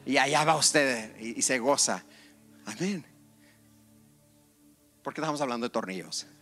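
A male pastor preaching a lively sermon in a church, joking with the congregation and calling for amens. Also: mid-range voice, a little slow, faint music behind. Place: church hall.

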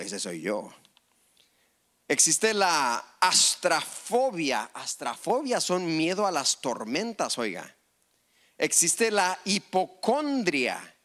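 A man preaching a lively sermon in church, asking the congregation questions and acting out quotes. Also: on the high side. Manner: animated, asks the crowd, acts out quotes.

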